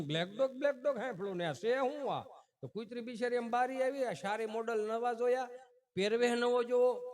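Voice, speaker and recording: A male folk comedian with a strong Kathiawadi accent tells stories on stage in a fairly high voice. His delivery is folksy and teasing, and he keeps calling out to the crowd as bapu. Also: darkish tone. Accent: Kathiawadi Gujarati. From Saurashtra, Gujarat.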